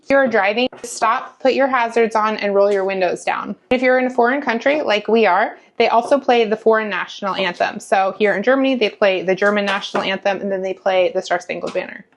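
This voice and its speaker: A woman's voice: mid-range voice, a little fast, hardly any pauses, a little hiss or hum. A woman who is a military spouse, talking through life on base in a matter-of-fact, chatty way with wry asides, recorded on a lapel mic in a small apartment kitchen. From United States. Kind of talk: casual explainer vlog. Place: small temporary lodging apartment kitchen, indoors. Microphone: clip-on lapel mic.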